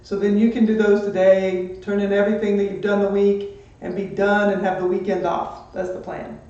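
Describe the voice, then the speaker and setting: A man's voice: high-pitched, flat delivery, moderate pace, mellow. A man teaching a math lesson on a live stream, chatty and upbeat, greeting students as they join. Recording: distant echoey muffled room mic.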